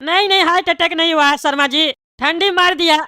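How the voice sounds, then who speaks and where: A woman's voice: extremely high pitch, fairly quick, shouting, heavy background noise. Woman voicing a pompous bald politician. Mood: consoling. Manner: bossy, rambling, tactless consoling. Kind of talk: cartoon comedy dubbing.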